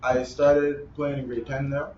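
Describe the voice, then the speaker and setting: A young man with a Bahamian accent, a basketball player answering interview questions in a relaxed, plain way. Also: mid-range voice, unhurried. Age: young adult. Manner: relaxed, plain, uses "like" and "you know". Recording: roomy, distant, dull with faint noise.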